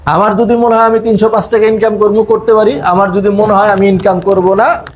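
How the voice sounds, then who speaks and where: High-voiced Bangladeshi man teaching a seminar. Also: fairly even intonation, a little fast, a little hiss or hum. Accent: Bangladeshi Bengali. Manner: quizzes the audience, repeats his points, mixes in English phrases. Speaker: direct-selling business trainer. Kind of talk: live seminar talk to an audience.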